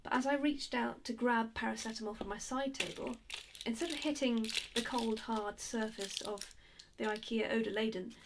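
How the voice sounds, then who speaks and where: A young woman, narrating her own strange story in a nervous, self-deprecating monologue with many halting fillers. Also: fairly high pitch, fairly even intonation, creaky, very noisy. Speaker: narrator and lead character. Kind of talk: first-person dramatic monologue.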